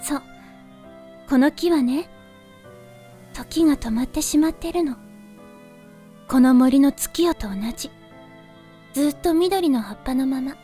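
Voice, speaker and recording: Girl doing a soft gentle moonlit-forest girl, high and calm, a bit teasing. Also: a little slow, long pauses, faint music behind. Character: gentle young woman guarding a moonlit forest. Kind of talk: voice drama acting.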